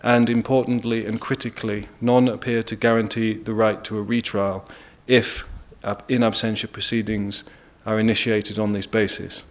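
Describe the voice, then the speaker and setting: A man with a British accent giving a formal legal presentation, measured and deliberate, stressing key words. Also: fairly low pitch, level tone. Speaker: international lawyer speaking at a press briefing.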